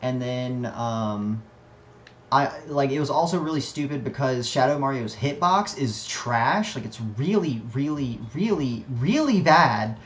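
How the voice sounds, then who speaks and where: A man's voice: medium pitch, animated, measured pace, reverberant, a little hiss or hum. A man streaming a video game, ranting casually with frequent swearing and fillers. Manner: rambling, profane, lots of fillers. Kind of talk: casual gaming commentary.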